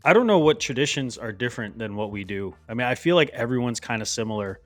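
A man's voice: medium pitch, expressive, fast, a bit bright, no echo. A man co-hosting a casual podcast, teasing and joking with his partner. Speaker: podcast co-host. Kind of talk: casual chat.

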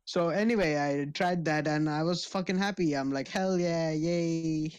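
A man's voice: on the high side, moderate pace, clear, resonant tone, dry recording. A man co-hosting a podcast in casual, slangy chat with joking and swearing. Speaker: podcast co-host.

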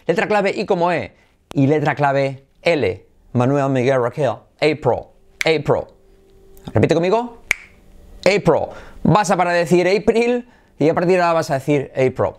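Man, spanish accent, middle-aged, english teacher, video lesson, lively, repeats practice words. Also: fairly high pitch, slight background noise. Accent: Spain.

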